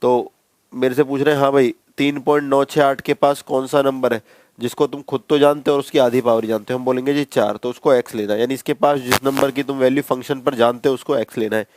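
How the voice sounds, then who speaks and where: This maths teacher talks quickly in a steady, mid-range voice with a darkish tone. Casual and repetitive, he guides the class step by step and keeps calling the students bhai during the lecture.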